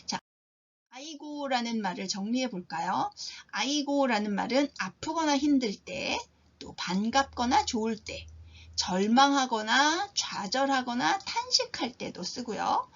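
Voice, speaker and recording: A woman teaching a language lesson, explaining calmly and acting out sample exclamations with lively emphasis. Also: high voice, unhurried, dull audio.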